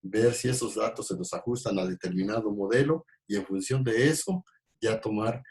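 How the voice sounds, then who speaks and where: A man gives an ecology lecture in a fairly low voice. He talks in halting stretches, full of fillers and restarts. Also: darkish tone. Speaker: ecology teacher. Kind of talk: recorded class lecture.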